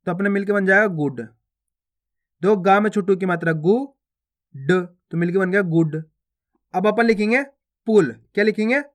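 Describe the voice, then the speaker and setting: A man teaching children to read and write words, sounding each out slowly, repeating it, and asking and answering his own questions. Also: high voice, a bit bright. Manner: repeats each word twice, asks and answers himself. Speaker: Hindi reading teacher. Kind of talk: slow, drawn-out word-by-word teaching.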